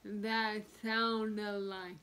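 A middle-aged woman speaks at a very slow, halting pace with retainers in her mouth, giving a slight lisp. She practices single words one by one, repeating them carefully in a medium-pitched voice. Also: level tone, fairly bright tone. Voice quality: slightly lisping, talking with dental retainers in. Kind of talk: pronunciation practice on camera, reading single words. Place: small bedroom, indoors, sitting on bed. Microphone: phone propped at arm's length.

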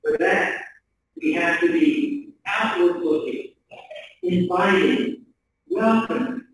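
A middle-aged man, a priest, reading the gospel and preaching in a measured, deliberate way from a lectern in a church sanctuary. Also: sits high, huge pitch swings, a little hiss or hum. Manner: measured, deliberate delivery from a pulpit. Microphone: stand mic, camera from across the room. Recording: echoey church from far off.

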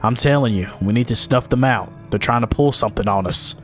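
A man voicing a gruff old wandering drifter from a game, talking in a conspiratorial way. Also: mid-range voice, fairly quick, soft background music, natural voice.

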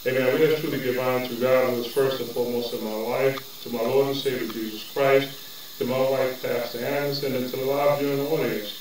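A man preaching a sermon as bishop, building into a fervent cadence with drawn-out words. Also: medium pitch, flat delivery. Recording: echoey distant room with faint noise.

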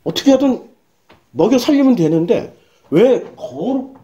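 A woman's voice: on the high side, very animated, unhurried, mellow, dull audio. A woman pastor preaching a sermon in a blunt, emphatic way, firing rhetorical questions and dropping coarse slang. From South Korea.

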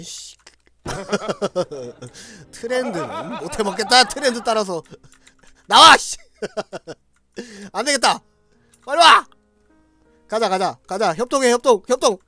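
A man doing loud, excitable gameplay commentary, exclaiming and talking straight to his viewers. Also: high-pitched, no echo, clean studio sound. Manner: loud, excitable, shouting and laughing often; talks to viewers directly. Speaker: game streamer.

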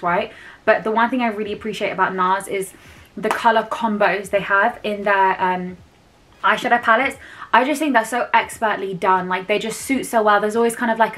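A woman's voice: mid-range voice, fairly bright tone. A young woman in her twenties, chatting enthusiastically to camera while unboxing beauty products, with frequent fillers. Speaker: beauty vlogger. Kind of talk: casual haul chat to camera.

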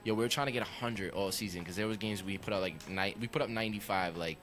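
A man's voice: fairly low pitch, fast talker, a bit bright, slight background noise. A young man co-hosting a podcast, telling stories in a slangy, laid-back way. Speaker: podcast co-host. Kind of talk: casual chat.

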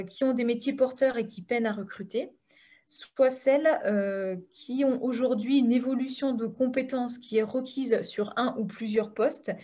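Higher-voiced woman presenting remotely. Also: mellow. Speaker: remote conference speaker. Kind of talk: explanatory presentation. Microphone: remote call connection.

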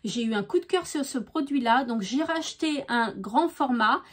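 A woman's voice: high voice, expressive, normal speed. A middle-aged woman chatting casually about her beauty purchases, enthusiastic, with frequent hesitations. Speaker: beauty vlogger. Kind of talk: casual haul chat to camera.

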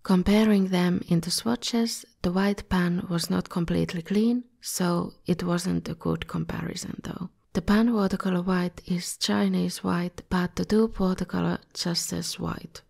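A woman's voice: lowish voice, fairly even intonation, unhurried, creaky, few pauses, darkish tone. A woman with a slightly scratchy voice, a bit under the weather, narrating an art tutorial as its host in a scripted style. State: a bit ill. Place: voice-over recording.

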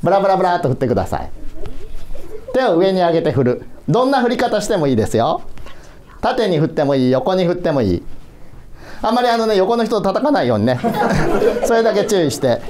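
A man's voice: high voice, big pitch swings, quick pace, long pauses, darkish tone. A middle-aged man instructing children in a workshop with a playful, coaxing manner, laughing often. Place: museum hall, indoors.

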